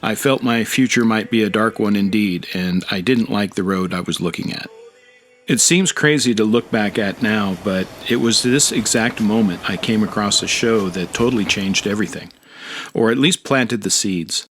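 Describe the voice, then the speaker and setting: A man's voice: fairly low pitch, normal speed, a bit bright. A middle-aged American man giving a reflective, scripted narration of his own story. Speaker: motovlog narrator. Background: guitar music.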